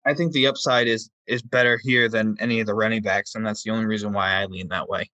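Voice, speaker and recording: A man's voice: on the low side, steady tone, quick pace, bright, forceful tone, dry recording, lo-fi sound. A man co-hosting a casual fantasy football podcast, reeling off stats in an easygoing way. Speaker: podcast co-host.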